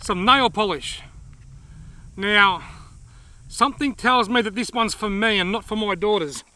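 An Australian man in his forties hosts a fishing channel and reads viewer mail in a casual vlog, chatting to camera outdoors in dry open woodland. He is friendly and quick to laugh, with a high voice that sounds pushed and bright. The camera is close up, held at arm's length.

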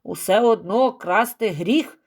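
A woman's voice: mid-range voice, slow pace. Woman voicing a teasing old mountain man. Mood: grumbling. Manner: teasing, scolding.

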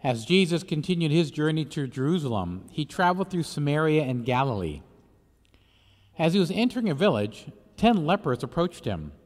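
A middle-aged man, a priest, reads the gospel in a measured way and then preaches loosely with fillers, his voice ringing in a cathedral echo. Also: fairly high pitch, sing-song, a little mellow. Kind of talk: liturgical reading and homily. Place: large church, indoors. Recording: long echo of a large church.

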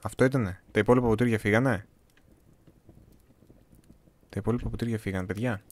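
A young man from Greece giving casual, chatty gameplay commentary, talking to viewers with a slightly hoarse voice. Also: on the low side, fairly even intonation, dry recording. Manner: chatty, talks to viewers, jokey self-talk. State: voice a bit hoarse, clearing throat.

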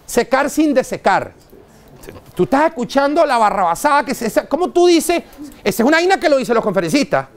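Venezuelan man, dental lecturer, animated swings in pitch, blunt slangy talk to a hall. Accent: Venezuelan Spanish. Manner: blunt, slangy, quizzes the audience. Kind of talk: live lecture to an audience.

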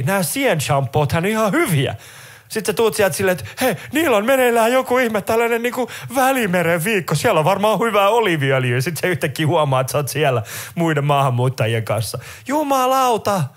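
A middle-aged Finnish man tells a stand-up set, lively and chatty. His voice sits a little high for a man. He leaps up in pitch whenever he acts out someone in his stories. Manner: animated storytelling, jumps into high voices for characters. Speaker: stand-up comedian.

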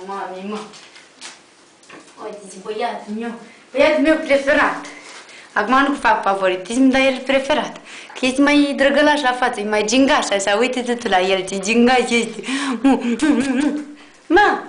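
A woman with a Romanian accent talks to her puppies in a casual home video, cooing baby talk, filmed on a camera someone else holds. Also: fairly high pitch. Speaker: puppy owner. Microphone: camera held by someone else. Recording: echoey room, camera off at a distance, faint noise.

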